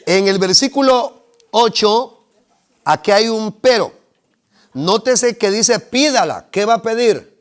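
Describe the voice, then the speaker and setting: A man teaching a seminary preaching workshop, joking with the class and asking them questions. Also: sits high. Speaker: homiletics teacher.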